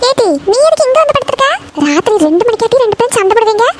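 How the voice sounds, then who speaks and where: A woman's voice: extremely high pitch, animated, very fast, very noisy. A woman voicing a tired young mother in a cartoon, who scolds her daughters and soothes her baby. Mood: scolding. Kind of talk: cartoon voice acting.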